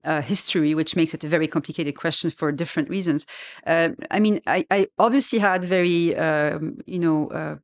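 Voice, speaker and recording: A middle-aged woman from Lebanon, a publisher speaking as an interview guest, thoughtful and hesitant with many fillers and restarts. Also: sits low. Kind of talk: reflective conversational interview.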